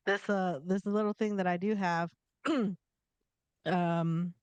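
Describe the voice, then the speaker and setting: A woman hosting a casual live interview, relaxed and giggly, filling pauses with ums. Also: on the low side, clean tone, no room sound. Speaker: host.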